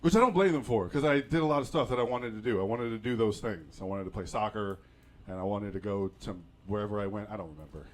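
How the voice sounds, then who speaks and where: A man's voice: on the low side, fast talker, slight background noise. A man telling a reflective personal story in a casual monologue, laughing at himself often and often restarting his sentences. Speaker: podcast host.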